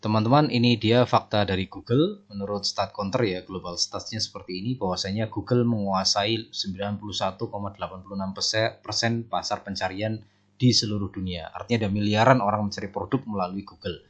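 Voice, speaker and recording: Man, slightly low voice, explanatory presenter delivery, muffled lo-fi recording. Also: steady tone, brisk. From Indonesia. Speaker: business and SEO presenter. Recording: dull lo-fi voice recording.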